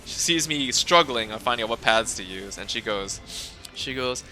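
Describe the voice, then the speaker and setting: A man's voice: lowish voice, animated, brisk, pushed and bright, soft background music. A young man streaming, telling a casual story in a rambling way, swearing and laughing a lot.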